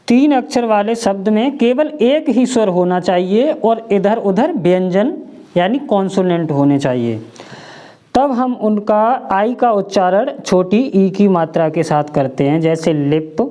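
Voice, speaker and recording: A woman's voice: mid-range voice, warm tone. A woman teacher giving a pronunciation lesson, spelling words letter by letter and asking and answering her own questions.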